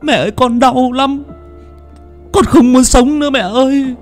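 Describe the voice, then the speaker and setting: A man's voice: very high voice, unhurried, soft background music, pitched above the performer's own voice. A man voicing a desperate, grief-stricken young husband who cries out in strained, wailing tones. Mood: anguished.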